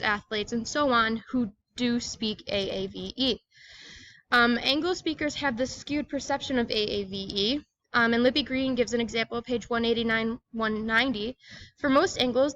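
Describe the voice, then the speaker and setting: A woman's voice: a little high, a bit bright, no room sound, dull audio. A woman giving a scripted educational presentation, reading aloud in a plain, explanatory manner.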